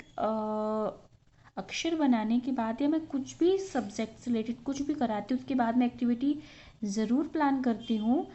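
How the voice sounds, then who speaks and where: A woman teacher, patiently spelling out letters one by one in a slow lesson for young children and mixing in English. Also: fairly high pitch, dark tone, highs cut off. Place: school classroom.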